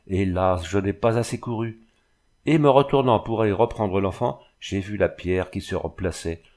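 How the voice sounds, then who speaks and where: Grief-stricken young peasant mother, read by a male narrator, low-voiced, anguished. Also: moderate pace, darkish tone, close to an everyday voice. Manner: pleading, anguished storytelling.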